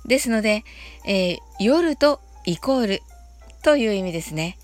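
A woman hosting an audio show, giving a relaxed English lesson in a soft, polite way, with many fillers and English words drawn out slowly. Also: mid-range voice, faint music behind. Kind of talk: slow, friendly English lesson monologue.

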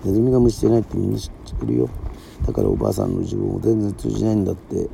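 A man voicing a cheeky, mischievous young boy in a storybook reading, teasing and quick. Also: on the low side, sing-song, creaky, warm tone, a little hiss or hum, exaggerated voice.

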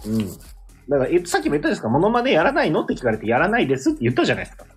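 A man's voice: fairly high pitch, wildly swooping pitch, rapid-fire, slightly rough. A man chatting casually on a podcast over an online call, plainly shrugging off requests. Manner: matter-of-fact, shrugs off requests. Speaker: podcast co-host. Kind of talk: casual chat.

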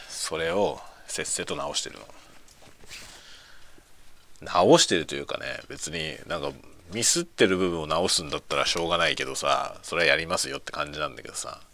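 On a lunch break, a streamer chats casually and vents about work, bluntly grumbling and often chuckling. His voice is low-pitched, creaky, and sharp.

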